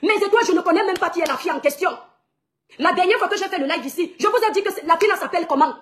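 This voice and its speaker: A woman with a very high voice speaks quickly in a heated live-stream rant. She scolds her rivals in an indignant, confrontational way and turns to her followers again and again. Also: a bit bright, a little hiss or hum.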